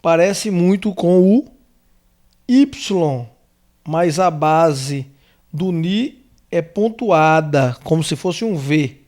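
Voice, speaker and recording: A Brazilian man teaching a lesson, walking through letters slowly and carefully, repeating names and checking in with the listener. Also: a little high, expressive, darkish tone. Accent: Brazilian Portuguese. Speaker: theology teacher. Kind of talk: whiteboard lesson on the Greek alphabet.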